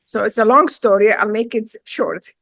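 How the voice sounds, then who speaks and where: A woman's voice: a little high, normal speed, creaky, a bit bright, no echo. A middle-aged woman from Syria with a Syrian accent, a chef and restaurant owner telling her story in a casual interview, emphatic and direct.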